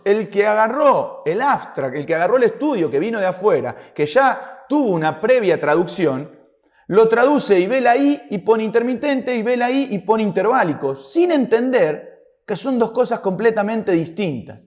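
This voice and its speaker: A man giving an explanatory lecture as a fitness instructor, didactic and often checking that listeners follow. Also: sits high. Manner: didactic, checking understanding with short tag questions. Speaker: fitness instructor teaching a class.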